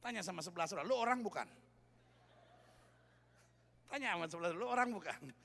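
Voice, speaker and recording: Pastor guy preaching, gravelly, acts out voices, big church hall. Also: sits high, brisk, a little hiss or hum. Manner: lively joking preacher, acts out quoted voices. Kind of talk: sermon.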